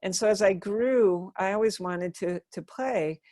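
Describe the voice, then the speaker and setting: A middle-aged woman from Western Massachusetts, USA, speaks at a measured pace with a medium-pitched, darkish voice, recorded in studio quality with no room sound. As an interview guest, she chats and laughs while telling stories in a casual way.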